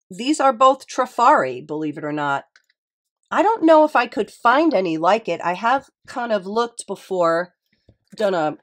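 A middle-aged woman hosts a casual show-and-tell. Her voice is a little nasal and stuffed up from a cold. She talks in a chatty, appreciative way, often musing aloud as she goes. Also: mid-range voice.

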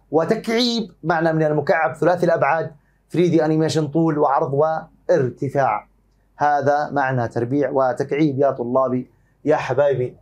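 A man with a Jordanian accent teaching an exam-prep math lesson, warmly calling his students dear and asking and answering his own questions. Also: medium pitch. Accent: Jordanian Arabic.

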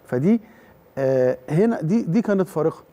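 Gravelly fast Egyptian football analyst man. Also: on the high side, animated, dark tone. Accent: Egyptian Arabic. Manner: hesitant, many fillers and restarts. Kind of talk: studio sports analysis.

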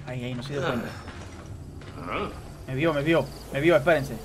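A man doing live gameplay commentary, excitable, repeating phrases rapidly and talking straight to his chat. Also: mid-range voice, noisy background. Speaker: gaming streamer.

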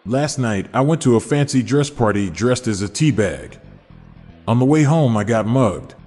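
A podcast host reads dad jokes one after another, his delivery upbeat, animated and full of chuckles at a moderate pace. His middle-pitched, slightly mellow voice trails off in a long hall-like reverb, with faint music playing beneath.

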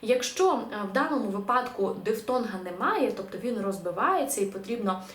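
A woman explains an online language lesson at a patient pace, pausing often with filler sounds. Her voice sits fairly high. The recording has a noticeably roomy echo. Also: very animated, fairly bright tone. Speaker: language teacher.

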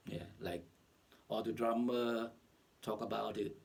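A man with a Thai accent teaching a drum lesson in a casual spoken style, slowly and with many repeats and restarts, mixing simple English phrases into his talk. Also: on the low side, steady tone, creaky. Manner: slow, repetitive, restarts mid-phrase.

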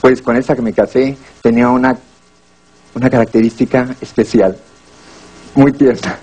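A Colombian man doing stand-up, telling self-deprecating stories in a deadpan way and acting out the dialogue. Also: mid-range voice, moderate pace, slightly rough, rough recording. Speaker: stand-up comedian.

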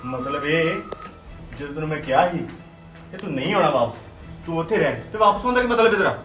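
A man as a fast, hot-tempered Punjabi husband. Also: a little high, fairly bright tone, lightly acted. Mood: accusing. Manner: hot-tempered, quick, accusing. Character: hot-tempered young husband suspicious of his wife. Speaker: angry husband and son. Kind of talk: family drama acting. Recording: roomy echo, faint music.

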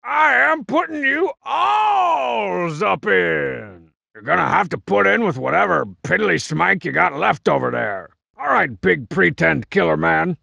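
Smug and scheming, this masked-wrestler cartoon villain from a video game, a boastful juvenile troublemaker, swaggers through bragging, mocking, slangy tough-guy lines. His raspy, gravelly growl sits high and swoops sing-song at a measured pace, forceful and broadly exaggerated for comedy. There's no room sound, and the highs are cut off.

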